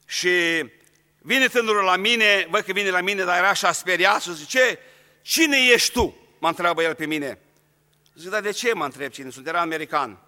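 A man's voice: high-pitched, sharp tone, long reverb tail. A man preaching a sermon, speaking earnestly and straight to his congregation. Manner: earnest, addresses the congregation directly.

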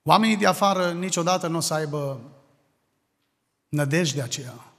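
A man from Romania preaching a funeral sermon, measured and building to emphasis when reading scripture, recorded in a church hall. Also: fairly high pitch, fairly bright tone. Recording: long hall reverb.

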